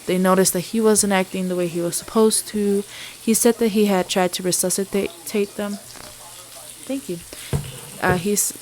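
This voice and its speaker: A woman's voice: on the low side, rough recording. A woman vlogger telling a true-crime story in a casual, conversational way while cooking. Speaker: vlogger and host. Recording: sizzling food, clear background noise.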